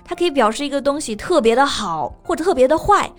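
A woman's voice: high voice, lively intonation, fast. A woman co-hosting an English lesson in a casual, chatty way, explaining phrases with example sentences. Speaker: co-host of an English lesson podcast. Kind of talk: casual bilingual teaching chat. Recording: light background music.

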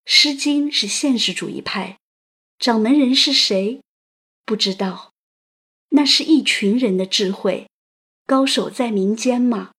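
A woman narrating a written story as an audio host, in a playful, chatty manner with lively asides. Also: a little high, measured pace, breathy edge.

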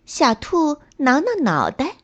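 A woman hosting a children's bedtime story show, reading in a gentle, sing-song storytelling manner. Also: high-pitched, wildly swooping pitch, slow pace. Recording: slightly dull lo-fi recording.

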